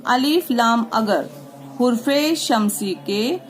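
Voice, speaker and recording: Slow, patient woman teaching a reading lesson. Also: on the high side, animated. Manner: slow, patient, repeats each step.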